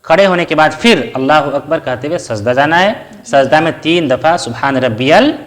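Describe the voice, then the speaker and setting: This religious teacher's voice sits on the high side and is a bit bright, with lively intonation at a normal pace. Speaking slightly raised, he goes through each step of the prayer in order as a spoken lesson. He asks the listener questions, supplies the answers, and weaves short recited Arabic phrases into his explanation.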